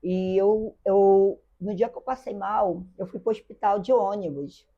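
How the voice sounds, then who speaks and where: An older woman with a Brazilian Portuguese accent, appearing as an interview guest, earnestly tells a personal story in an unhurried, medium-pitched voice. She repeats phrases and addresses the host by name, and the lo-fi recording sounds dull.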